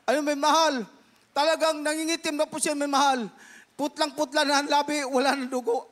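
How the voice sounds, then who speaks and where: High-voiced older man giving fervent testimony. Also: little pitch movement, brisk. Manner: fervent, keeps addressing the congregation as beloved; breaks into loud hallelujahs. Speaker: church member giving testimony. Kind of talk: church testimony.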